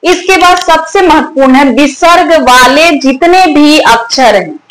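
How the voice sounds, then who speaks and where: A woman with a high voice teaches a grammar lesson at an unhurried pace. She says example words over and over to show where the stress falls, and she stops often to put questions to her students. The recording is roomy and echoey, with a faint hum of ambient noise. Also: fairly bright tone.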